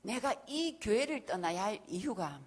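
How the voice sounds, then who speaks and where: A middle-aged woman speaks at a church evangelism school, telling her testimony with energy. Her voice is a little husky, and her pitch swings widely as she acts out her own past prayers and talks, laughing often along the way. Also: very animated, moderate pace. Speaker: church deaconess giving a testimony lecture.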